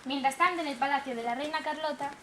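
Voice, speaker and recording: A woman's voice: high voice, quick pace. A young woman narrating a scripted children's fairy tale in a school play. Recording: echoey stage, far mic, audience noise.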